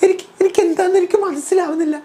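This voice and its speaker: Woman doing a frantic young woman begging to leave, shrill, wobbly, near tears. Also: fairly even intonation, racing, warm tone. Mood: tearful pleading. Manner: whiny, tearful pleading. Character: distraught young woman pleading to leave the house.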